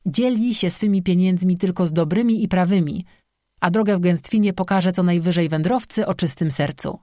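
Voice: mid-range voice, normal speed, mellow, no echo, clean studio sound, lightly acted. Narrator doing a sly muttering forest demon. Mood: scornful. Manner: muttering, scornful.

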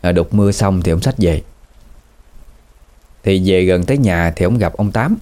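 A man with a Southern Vietnamese accent narrating a ghost story in a relaxed, folksy way with fillers. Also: low-pitched, normal speed.

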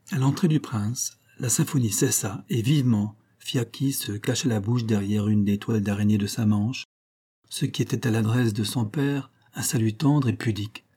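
Brief: male narrator for a tale, measured and expressive, warm husky timbre. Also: medium pitch. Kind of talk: audiobook reading of a tale.

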